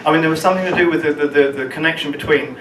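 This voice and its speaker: A man telling a personal story at an open mic, halting and often repeating words as he goes. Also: a little high. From London, England. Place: small open mic venue in a room. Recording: roomy, distant, with room ambience noise.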